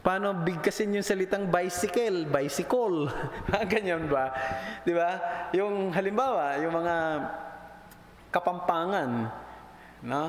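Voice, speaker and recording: A high-pitched male preacher delivers a sermon, moving between Tagalog and English and swinging his voice up and down for emphasis. He is recorded in a church hall with a long, roomy reverb. A faint hiss sits under the sound. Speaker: pastor. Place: church sanctuary.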